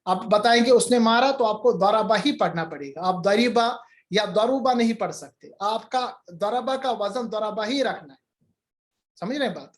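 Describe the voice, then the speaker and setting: High-voiced man teaching grammar patiently. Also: normal speed. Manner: patient, repeats examples, answers student questions. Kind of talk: online grammar lecture.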